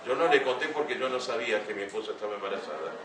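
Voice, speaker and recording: A man's voice: on the low side, expressive, very fast, background noise. An older man giving an earnest talk to a young audience, often asking rhetorical questions. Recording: echoey room heard from a distance.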